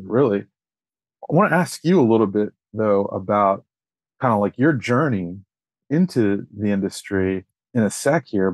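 A man's voice: on the low side, darkish tone, breathy edge, no room sound. A man co-hosting a podcast, asking long, enthusiastic, rambling questions. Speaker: podcast co-host. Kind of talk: conversational interview.

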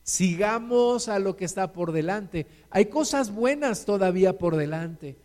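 A man's voice: high-pitched, animated, unhurried, darkish tone. A man preaching a sermon, earnest and encouraging, with dramatic retellings of a story. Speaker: pastor. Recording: echoey hall.

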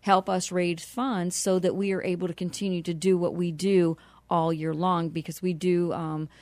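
A woman's voice: on the low side, level tone, darkish tone, dry recording. A woman, a nonprofit director, talking earnestly as a guest in a radio interview. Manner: earnest, spells things out slowly.

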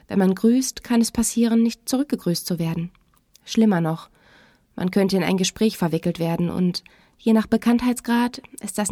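A woman's voice: medium pitch, mellow, dry recording, clean studio sound. A woman therapist hosting her podcast, reading a story and commenting in a conversational, self-ironic way. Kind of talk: podcast narration.

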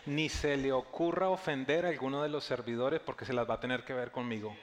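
A man preaching a sermon as pastor, with a lively delivery that acts out quoted voices. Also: medium pitch, brisk, slight background noise.

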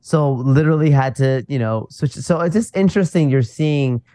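Mellow-voiced man telling a story. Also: medium pitch, moderate pace, no echo. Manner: rambling, filler-heavy storytelling. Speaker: podcast host. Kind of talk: casual chat.

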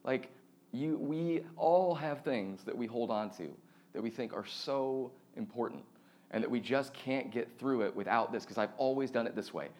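A man of thirty giving a relaxed, conversational sermon as pastor, chatty and self-deprecating, with frequent fillers and restarts. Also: medium pitch, moderate pace. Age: 30s.

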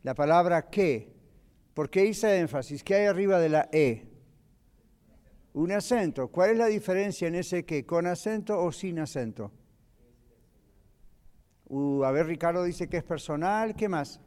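Male pastor, fairly high voice, patient Bible teacher quizzing his class, reverberant room. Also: a little mellow. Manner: asks the class questions, explains slowly. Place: church classroom. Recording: long reverb of a hall.

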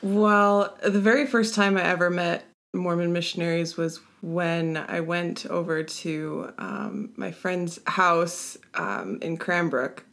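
Young female podcast guest, slightly low voice, casual giggly storyteller, mouth a bit muffled from dental work. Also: steady tone, slow, few pauses, fairly bright tone. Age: young adult. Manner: giggly, filler-heavy. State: mouth slightly muffled after wisdom tooth removal.

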